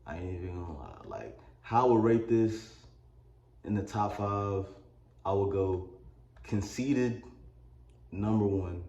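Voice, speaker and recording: A music reviewer with a Mississippi Southern accent makes a comedic album review vlog, rambling and throwing in crude jokes. His lowish voice is warm and animated but a little slow, with long pauses, and the lo-fi recording is reverberant.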